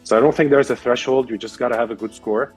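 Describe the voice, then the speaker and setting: A man's voice: medium pitch, fairly even intonation, fast talker, darkish tone, breathy edge, faint music behind. A young man from Lebanon, a resident explaining his path as an interview guest with many fillers and restarts. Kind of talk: casual interview answers.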